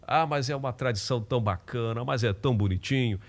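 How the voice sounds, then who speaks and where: A man's voice: mid-range voice, fast, voice pushed down, natural voice. A man voicing a doting grandparent gushing over Christmas. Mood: fond. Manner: sentimental, gushing.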